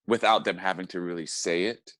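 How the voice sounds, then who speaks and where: Deep-voiced man in a halting interview. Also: fairly even intonation, fairly bright tone, no room sound. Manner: halting, often repeats and restarts words. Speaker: actor and podcast guest. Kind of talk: casual interview chat.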